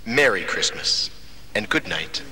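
An actor playing a male mall announcer, speaking in a calm, formal way over the mall intercom. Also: lowish voice, unhurried. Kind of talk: formal public address. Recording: distant loudspeaker with crowd noise.

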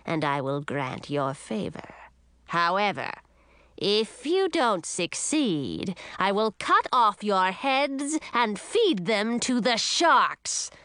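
A woman voicing an old, menacing female sea witch who draws out her threatening words slowly. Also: on the low side, a bit bright, smooth, dry recording. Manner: slow, drawn-out threatening delivery.

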